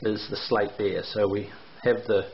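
With a fairly low voice and flat delivery, a middle-aged renovation contractor explains things during a walkthrough video tour, hesitating often with "um" and "uh." His handheld camera mic picks him up in a roomy bare brick basement, with dull, lo-fi audio and a faint underlying hiss.

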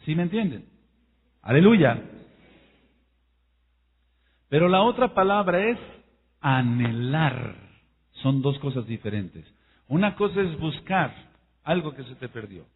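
Male preacher, sermon, husky voice, tinny phone-like sound. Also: fairly high pitch, sing-song. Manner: emphatic, rising and falling, slows to spell out words. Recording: echoey hall over a tinny phone-like line.

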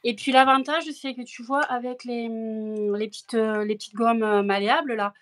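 Southern french lady, kinda high voice, chatting on a live stream, lots of little restarts. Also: steady tone, moderate pace, a bit bright. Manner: hesitant, full of restarts while demonstrating. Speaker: guest artist. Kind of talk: casual live-stream chat.

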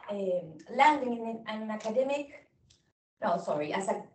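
A woman from Chile, a native Spanish speaker in her thirties, giving an academic presentation over a video call, hesitant, with fillers and restarts. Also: fairly high pitch. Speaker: guest lecturer. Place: indoor room. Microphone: laptop microphone on video call. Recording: echoey room audio, distant from the mic.

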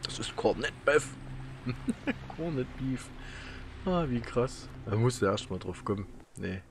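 A man's voice: medium pitch, lively intonation, slow pace, slight background noise. Man, German accent, casual gameplay chatter, filler-heavy, faint ambience behind. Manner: rambling, chatty storytelling with many fillers and laughs. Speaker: gaming YouTuber. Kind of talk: casual let's-play commentary.

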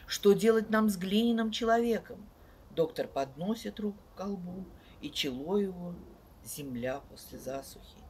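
An older woman with a fairly low voice recites another poet's verse outdoors in a dramatic, declamatory style, measured and expressive, swelling on key words and letting line endings fall. She's a poet, filmed in a leafy garden beside a wooden house and on wooded paths, with slight background noise.

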